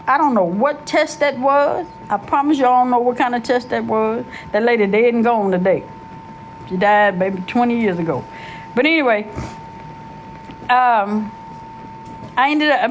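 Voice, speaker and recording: A middle-aged woman telling her life story in a casual, animated, slangy way, often searching for words. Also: a little high, a little hiss or hum.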